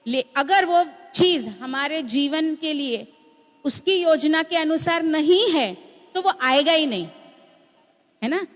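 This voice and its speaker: High-voiced woman preaching in a church hall. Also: animated, slow pace. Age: young adult to middle-aged, mother of a small child. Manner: teaching, asks the congregation "है ना?" often. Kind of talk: sermon. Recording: long reverb of a church hall.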